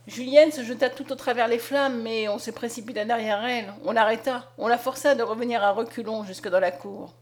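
A woman narrating a story aloud in a dramatic, expressive reading. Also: on the high side, a little fast, hardly any pauses. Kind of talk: scripted audiobook narration.

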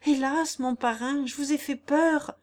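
In an audiobook, a woman plays a devoted young peasant girl, speaking in an earnest, plaintive and rustic way as the girl pleads. She pitches her voice high, above her own, keeping a steady, darkish tone at a slightly slow pace.

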